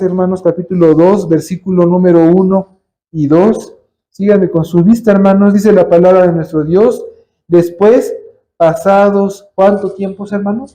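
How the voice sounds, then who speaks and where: A man with a Mexican accent preaches a sermon in church, his voice high-pitched yet soft and mellow. He keeps calling out to the congregation as brothers and sisters and asks them question after question, leaving them hanging. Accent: Mexican Spanish. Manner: addresses listeners as brothers, rhetorical questions.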